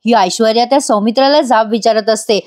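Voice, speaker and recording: A woman's voice: fairly high pitch, fairly quick, darkish tone. A woman recapping a TV serial episode in a chatty voice-over, talking straight to viewers. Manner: chatty, addresses viewers directly. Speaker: TV serial reviewer.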